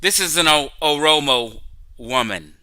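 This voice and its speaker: A man hosting a casual livestream, lecturing in an emphatic way and constantly checking in with his listeners. His voice is pitched a bit high, very bright and crisp. It is recorded dry and close, with no room sound. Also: a little slow, no room sound, rough recording. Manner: emphatic, lecturing, frequent "okay?" and "right?"; reads text aloud from screen. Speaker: online talk show host.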